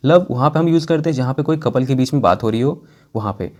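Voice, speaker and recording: Indian man teaching English, slow repetitions. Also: mid-range voice, expressive, darkish tone. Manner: explains patiently, repeats example sentences slowly. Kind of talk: casual spoken English lesson.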